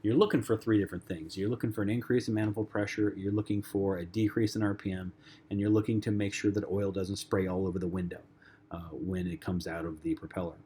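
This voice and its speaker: A man with a lowish voice teaches a flight lesson, talking loosely and conversationally, filling gaps with ums and uhs. A faint hum sits under the recording. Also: little pitch movement, fast, dark tone. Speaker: flight instructor. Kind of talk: lecture-style flight lesson.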